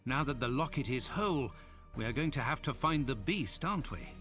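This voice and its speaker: An actor playing Doctor Watson, a courteous, sceptical gentleman in a video game, with a formal, wry manner. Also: medium pitch, animated, brisk. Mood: concerned, questioning. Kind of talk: video game cutscene acting. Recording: loud music under the voice. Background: music.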